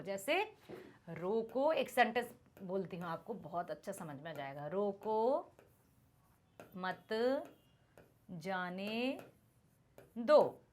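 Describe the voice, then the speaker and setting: A woman teaching grammar in a fairly high, lively voice that rises and falls a lot. She explains patiently and keeps checking that her students are following. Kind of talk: grammar lesson.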